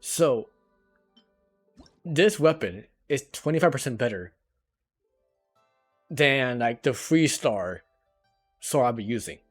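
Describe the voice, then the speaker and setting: A man's voice: mid-range voice, lively intonation, takes it slowly, long pauses, soft background music. A man giving casual, rambling gameplay commentary on a livestream, talking into a headset mic and swearing now and then.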